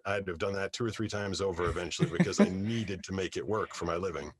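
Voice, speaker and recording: A man who does voiceover work, telling his story in an interview from his soundproof booth into a studio mic. He talks in a lively, storytelling way and often restarts his sentences. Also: low voice, quick pace. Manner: animated storyteller, repeats words when starting sentences. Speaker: voiceover artist, guest. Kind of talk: conversational interview. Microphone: studio microphone.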